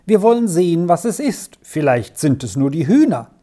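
A woman voicing a worried old housekeeper in a storybook reading, speaking in an anxious, pleading, softly urgent way. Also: lowish voice, big pitch swings, normal speed.

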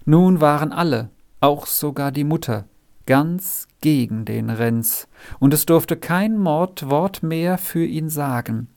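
A narrator reading a classic tale aloud in a calm, measured storytelling manner. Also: mid-range voice.

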